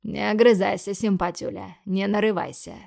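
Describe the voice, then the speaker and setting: A woman voicing a crude, menacing male debt collector who speaks slowly and in a low, taunting way, in a storybook reading. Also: steady tone, creaky, a little mellow. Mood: menacing sneer.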